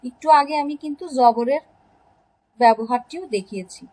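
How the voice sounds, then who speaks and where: A woman from Bangladesh teaching an online religion class to young children, gently and slowly drawing out pronunciation drills. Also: fairly high pitch, poor audio. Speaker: Islamic studies teacher.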